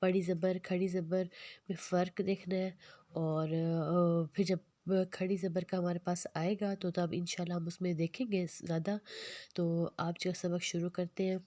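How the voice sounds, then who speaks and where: A woman teaching Quran reading in a recorded lesson, patiently explaining and slowly repeating letter drills. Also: lowish voice, level tone, dark tone, no room sound.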